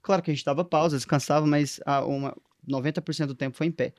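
A young man with a Minas Gerais accent chats on a podcast as a guest tattoo artist, spinning stories in loose slang. He talks quickly in a slightly raised voice, recorded dry and close. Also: a little high, fairly even intonation, no echo. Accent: Minas Gerais Portuguese. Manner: slangy storytelling. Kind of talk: casual podcast chat.

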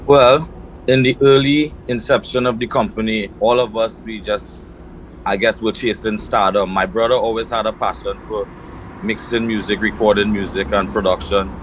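A man from Trinidad and Tobago, answering interview questions at home in a relaxed storytelling way. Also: on the low side, normal speed, a little hiss or hum, low-quality recording. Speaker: guest, music label founder.

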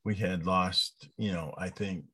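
A man in his sixties talking casually and reminiscing in a halting, folksy way. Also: low voice, fairly even intonation, pushed and bright, husky. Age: 60s.

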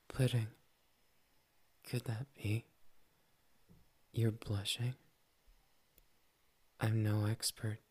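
Guy doing a soft cat boy, whispery asmr, flat even tone, teasing little nya's. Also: lowish voice, breathy edge, full character voice. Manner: tender, teasing, adds "nya". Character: shy, playful young male cat boy.

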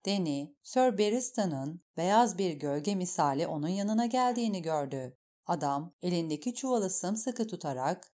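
Mellow, low-voiced woman narrating. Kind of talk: audiobook reading.

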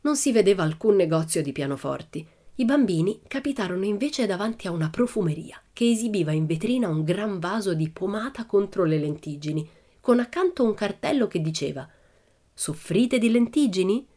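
A woman narrating a children's audiobook in a steady, expressive storytelling manner. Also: mid-range voice, brisk.

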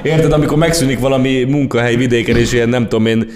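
A man co-hosting a casual chat, animated as he tells stories. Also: mid-range voice, echoey room, big-room sound. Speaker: co-host. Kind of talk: casual banter.

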